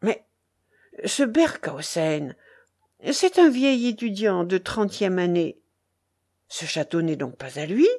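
A woman's voice: fairly low pitch, animated, slow, long pauses, darkish tone. A woman voicing an angry, suspicious nobleman who questions harshly, in a read-aloud story. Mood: stunned.

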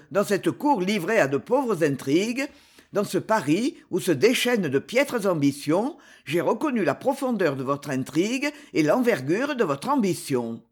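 A man's voice: high-pitched, husky, heavily acted. A man reading as a fawning, sinister little spy. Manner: fawning yet sinister, intense. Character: scheming small ambitious male spy lawyer. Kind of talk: audiobook character reading.

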